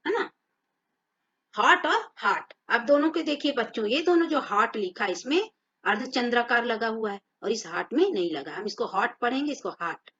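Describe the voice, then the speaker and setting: A woman's voice: a little high, expressive, a little fast, husky. A woman teaching a grammar lesson to children, patiently spelling out words letter by letter. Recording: dull lo-fi audio.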